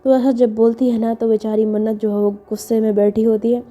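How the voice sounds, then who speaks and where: A woman's voice: fairly high pitch, flat delivery, fairly quick, warm tone, lo-fi sound. A woman telling a story in a casual, chatty way, with filler words along the way.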